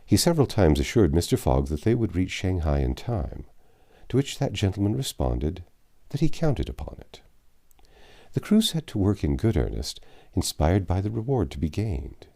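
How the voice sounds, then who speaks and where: A classic adventure novel is read aloud by an audiobook narrator whose voice is low and dark, with vocal fry. His delivery is measured and expressive, marked by lively intonation and dramatically lengthened words.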